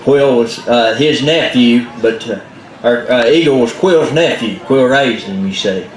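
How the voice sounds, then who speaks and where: Folksy Southern Appalachian man, echoey recording. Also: medium pitch. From southern Appalachia, United States. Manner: folksy, unscripted, dramatic pauses. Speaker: storyteller. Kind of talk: casual oral folk storytelling. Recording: echoey room with background noise.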